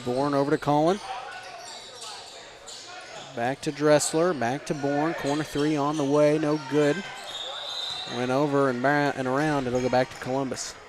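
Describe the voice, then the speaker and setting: A man's voice: on the high side, little pitch movement, measured pace, pauses often, noisy background. A male play-by-play announcer calling a school basketball game, sleepy and yawning, with chatty asides between plays. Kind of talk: casual sports commentary. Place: school gymnasium.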